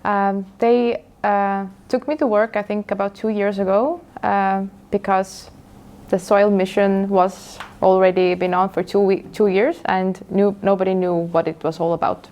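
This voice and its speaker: A woman's voice: medium pitch, flat delivery, unhurried, few pauses, darkish tone. A woman from Estonia, a native Estonian speaker, introducing herself as a guest speaker in a hesitant way with many fillers. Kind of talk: casual lecture introduction.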